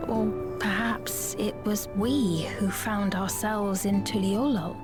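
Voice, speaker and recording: A woman's voice: mid-range voice, fairly even intonation, takes it slowly, over music, natural voice. A woman voicing a gracious, earnest young queen in a fantasy video game, with formal, courtly diction. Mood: formal, composed.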